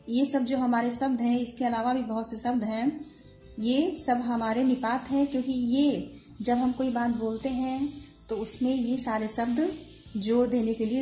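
A woman teaching a grammar lesson for exam prep, explaining patiently and repeating her examples slowly. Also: high-pitched, darkish tone. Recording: echoey room with faint music.

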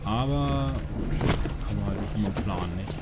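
A man's voice: on the low side, normal speed, heavy background noise. A man giving casual, offhand gameplay commentary as a let's play host, half talking to himself. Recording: loud game music and sounds behind.

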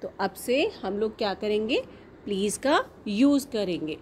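A young woman teaching a kindergarten class, asking simple questions in a slow, sing-song teacherly way and mixing in English words. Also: mid-range voice, sing-song, darkish tone, slight background noise. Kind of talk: online class lesson for young children.

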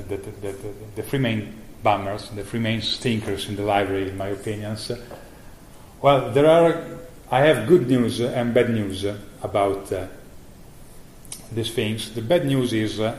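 A middle-aged man giving a conference keynote about software he maintains, speaking haltingly with many fillers and restarts. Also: on the low side. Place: conference hall. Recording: echoey room with faint noise.

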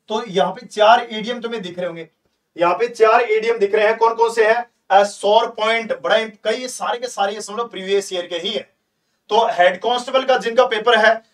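A man's voice: high voice, recorded from a distance. A man teaching a live online exam-prep lesson in a chatty, coaxing way, repeating points and asking his students questions.

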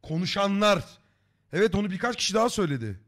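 A man's voice: high-pitched, big pitch swings, quick pace, a bit bright. A man streaming live, casually joking and reading out viewer messages. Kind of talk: live-stream reaction chat.

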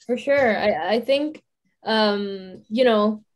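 A university student in her twenties, speaking slowly in a mid-range voice, joins a casual panel discussion over video call. She's thoughtful and circles back on her points, restarting often and saying "you know" a lot.

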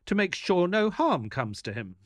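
A man's voice: high-pitched, sing-song, moderate pace, no room sound, studio quality. An actor playing an earnest, easily baffled male ex-soldier doctor who narrates and talks in an audio drama. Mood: puzzled, amazed. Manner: hesitant, puzzled, earnest. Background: music.

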